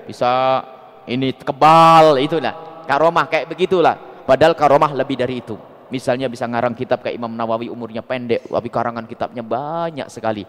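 A man preaching a sermon, animated and swinging from soft asides to loud emphasis. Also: mid-range voice, fairly quick. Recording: long hall reverb.

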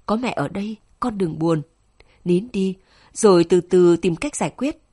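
A woman's voice: fairly low pitch, normal speed, mellow, husky, no echo, clean studio sound. A woman voicing a tender, worried mother who soothes and pleads with her daughter, in a storybook reading. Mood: soothing.

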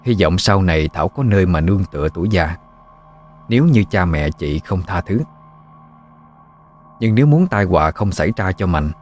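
A man narrating a ghost story in a steady, measured way. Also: low-pitched.

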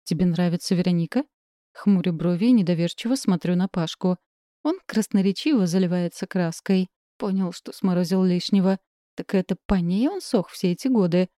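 Young woman reading a novel out loud, low warm voice, wry tone, dry close sound. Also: normal speed, no room sound. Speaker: audiobook narrator. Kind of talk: first-person novel narration.

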